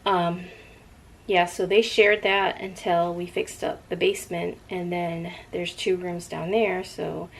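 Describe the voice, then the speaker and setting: Gravelly low-voiced woman, rambling casual chat. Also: little pitch movement, slow pace. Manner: rambling, often drifting off topic and picking the thread back up. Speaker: vlogger.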